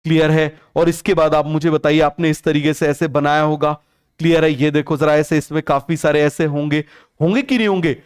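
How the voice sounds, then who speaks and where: A man's voice: a little high, fairly even intonation, brisk, clear, resonant tone. A young man teaching a biology lesson online. He keeps asking questions and answering them himself, repeats each term several times, and mixes English terms into Hindi. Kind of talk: online class lecture.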